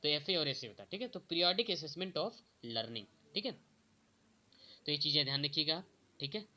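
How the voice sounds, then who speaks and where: A young man teaching exam prep, explaining questions step by step and slowly reading out the answer options. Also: on the high side, lively intonation, sharp tone. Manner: repeats "okay" often, reads options slowly.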